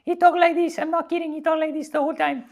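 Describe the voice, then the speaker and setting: A man doing a comic impression of a fellow male climber with a very high, funny-sounding voice. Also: level tone, fast talker. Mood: playful. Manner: squeaky, comic exaggeration.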